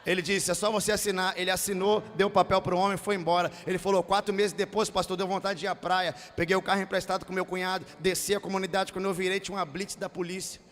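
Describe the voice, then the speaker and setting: A man with a Brazilian Portuguese accent preaching a sermon as pastor, moving from told stories to shouted, half-sung preaching. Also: high-pitched, little pitch movement, quick pace, few pauses, big-room sound. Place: large church hall.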